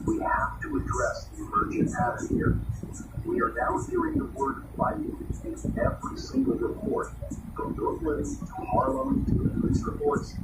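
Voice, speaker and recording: A man's voice: extremely high pitch, wildly swooping pitch, normal speed, creaky, full character voice. A man playing an alarmed radio news host in an outbreak drama, grave, urgent and dramatic in delivery. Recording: very noisy, echoey, distant radio broadcast.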